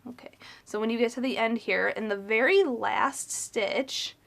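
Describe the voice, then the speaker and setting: Woman calmly counting crochet stitches. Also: fairly high pitch, a little slow, vocal fry. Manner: counts stitches aloud, calm and methodical. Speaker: crochet teacher. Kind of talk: step-by-step tutorial instruction.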